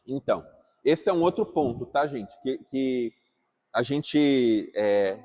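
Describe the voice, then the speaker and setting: A man's voice: mid-range voice, animated, takes it slowly, a little mellow. A man teaching a class at church, talking casually and asking the group questions. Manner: asks the group questions, calling on people by name. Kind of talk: interactive class talk.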